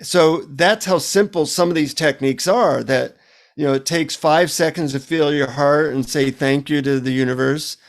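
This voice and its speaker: Lively storytelling male therapist, higher voice. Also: moderate pace. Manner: lively anecdotal storyteller, humorous asides. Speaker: psychotherapist and author, interview guest. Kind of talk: casual storytelling in an interview.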